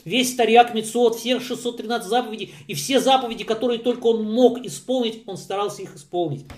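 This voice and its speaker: A man telling a religious story in a halting way, with many restarts and fillers. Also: very high-pitched, a little mellow. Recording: echoey room.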